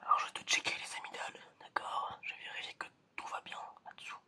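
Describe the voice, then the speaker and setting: An ASMR performer playing an examiner whispers a roleplay exam in a hesitant murmur, often repeating short phrases. She talks fast, with a pushed, bright quality.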